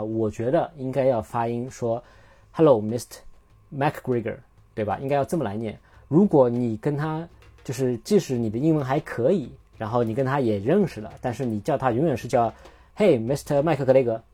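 A man's voice: mid-range voice, dark tone, slightly rough. A man hosting a casual solo podcast, rambling and correcting himself as he looks things up while he talks. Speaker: podcast host.

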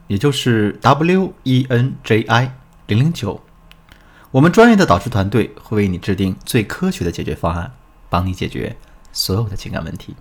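A man's voice: medium pitch, slightly rough. A middle-aged man hosting a relationship advice talk, explaining in an instructive storytelling way.

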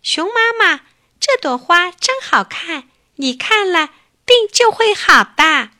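A woman voicing a big rooster with a shrill, sharp voice in a children's storybook. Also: very animated, takes it slowly, heavily acted.

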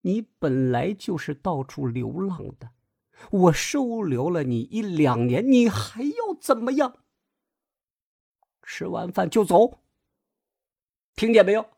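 A man playing a stern, husky old grandmother. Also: a little high, very animated, very slow, long pauses, mellow, no echo, clean studio sound, exaggerated voice. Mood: scolding. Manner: scolding and commanding. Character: poor old grandmother, stern and harsh but soft-hearted.

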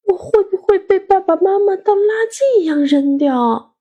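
A woman doing a high, huffy little kid. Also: normal speed, a little mellow. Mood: hurt. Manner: high, childish and emphatic. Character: small child, hurt and stubborn.

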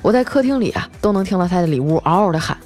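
A woman's voice: on the low side, animated, rapid-fire, darkish tone, soft background music. Chatty young woman telling comic stories. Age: young adult. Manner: chatty, many filler particles. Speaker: comedy storyteller. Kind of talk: comic story narration.

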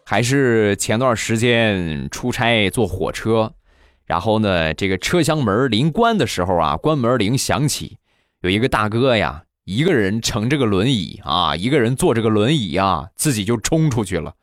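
A man with a fairly low voice tells comic anecdotes, his pitch jumping all over as he acts out scenes. The recording is dry and close to the mic, with no room sound. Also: moderate pace, dry recording. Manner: animated, chatty, acts out voices. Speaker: comedy host. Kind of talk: comic storytelling.

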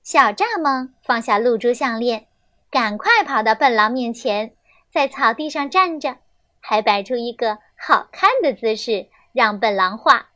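A young woman reading a children's story aloud, gentle and expressive, on a close mic. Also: a little high, measured pace, dry recording.

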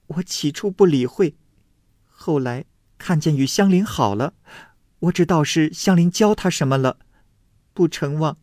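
A man doing a shrill cornered young maid. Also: darkish tone, no room sound, studio quality. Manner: shrill, quick, indignant. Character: sharp-tongued young maid, defiant and cornered.

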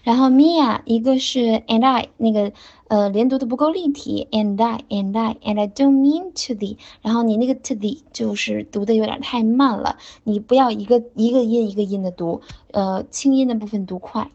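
A woman teaching pronunciation in an online class, slowly demonstrating words and correcting each student by name. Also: on the high side, a little mellow, highs cut off.

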